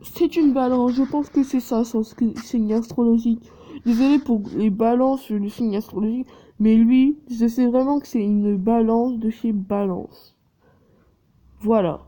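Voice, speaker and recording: A woman reading the dialogue of a dating game aloud, slowly and haltingly, correcting herself as she goes and adding her own asides. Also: on the high side, fairly even intonation, dark tone.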